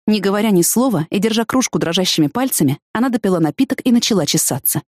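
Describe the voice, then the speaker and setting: A woman reads a first-person story in an even, measured way. Her voice sits in a middle register, and it is recorded close with a dry, dead sound. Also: medium pitch, no room sound. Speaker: narrator. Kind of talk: first-person audiobook narration.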